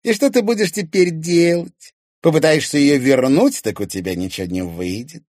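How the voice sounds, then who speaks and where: A smug, spiteful teenage girl taunts in a high, loud, sneering voice, as a male audiobook reader puts her on. Her pitch leaps about with mockery, recorded close and dry. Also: animated, normal speed, dry recording.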